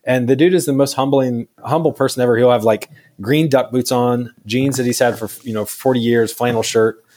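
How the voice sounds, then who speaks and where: A man's voice: mid-range voice, fairly even intonation, brisk, darkish tone. A man answering interview questions about his brewery in a loose, chatty way, full of fillers. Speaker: brewery staff guest.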